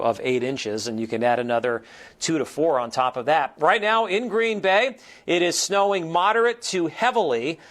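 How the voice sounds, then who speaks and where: An American man presenting a TV weather forecast in an explanatory, ad-libbed broadcast style with measured emphasis. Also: mid-range voice.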